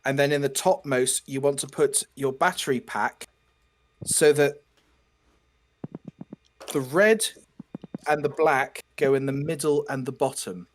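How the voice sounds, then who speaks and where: A man's voice: medium pitch, steady tone, a little hiss or hum. A man casually talking a teammate through wiring a small robot over a video call, stopping and restarting as he explains. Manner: halting, restarts often while explaining. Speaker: robot builder guiding a teammate.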